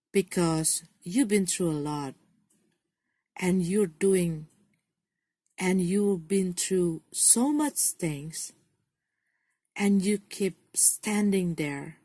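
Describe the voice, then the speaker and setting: Woman, tarot reader, casual reading to camera, unhurried pace, dry close sound, encouraging, repetitive phrasing. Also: fairly low pitch, mellow, dry recording. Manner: encouraging, repeats phrases, many "you know" fillers.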